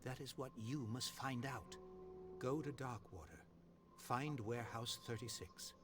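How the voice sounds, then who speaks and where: An actor playing a stern, grieving older father who speaks in a formal, insistent, measured way. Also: mid-range voice, lightly acted. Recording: noisy game audio.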